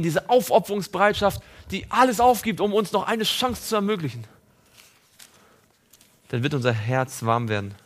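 Male preacher, somewhat high-pitched, emphatic sermon delivery that drops to near-whispers, speaks to listeners personally. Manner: emphatic, swings between raised and hushed delivery; addresses listeners directly and personally.

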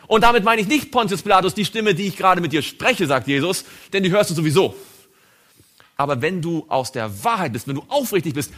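A man preaching a sermon, dramatically acting out biblical dialogue and swinging between loud emphasis and hushed tones. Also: on the high side.

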